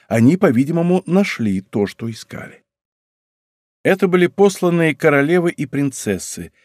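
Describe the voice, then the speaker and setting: A man narrating a historical novel as an audiobook in a measured, scripted storytelling manner, close to a studio microphone. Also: medium pitch, warm tone, no room sound. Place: recording studio.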